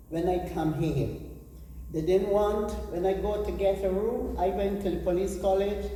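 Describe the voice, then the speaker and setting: An older woman from Barbados with a Barbadian accent, telling her story to an audience in a blunt, forceful way. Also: lowish voice, a little hiss or hum. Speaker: audience member sharing a story. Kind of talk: spoken recollection. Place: large echoey church hall. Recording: distant voice in echoey hall.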